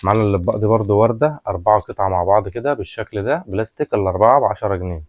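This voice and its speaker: A man with an Egyptian Arabic accent giving a casual, repetitive sales pitch, presenting products in colloquial patter addressed to customers. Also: racing. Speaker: shop seller, product presenter. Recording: clearly noisy, rustling and clicking handling sounds.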